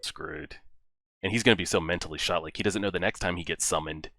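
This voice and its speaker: A man's voice: low voice, rapid-fire, dry recording. A man hosting a reaction video, talking casually and exclaiming at what he watches. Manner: animated, exclaiming and talking to the characters.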